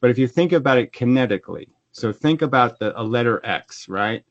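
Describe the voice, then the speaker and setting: A man on a video call explaining his own physics model in casual speech, often restarting his sentences and growing animated when challenged. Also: mid-range voice, fairly quick, no echo. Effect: heard over a video call. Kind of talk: conversational explaining. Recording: dull, dry video call audio.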